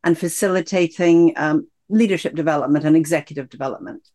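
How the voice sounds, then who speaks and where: A woman's voice: low voice, quick pace, mellow. Scottish woman coach, enthusiastic. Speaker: guest, executive coach. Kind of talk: conversational interview.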